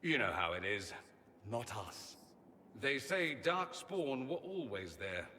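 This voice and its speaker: Vain witty mage, bright tone, lively pitch, light reverb, faint ambience. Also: male voice, takes it slowly, slight background noise, full character voice. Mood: brooding. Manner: witty, self-assured, theatrical. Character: witty, vain male mage from a foreign empire. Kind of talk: video game dialogue.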